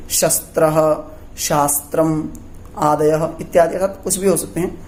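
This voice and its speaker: A man's voice: fairly high pitch, fairly even intonation, unhurried, a little mellow, a little hiss or hum. A man teaching a Sanskrit lesson for young pupils. He asks questions and answers them himself, checking in often as he goes. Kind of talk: classroom lesson explaining letters.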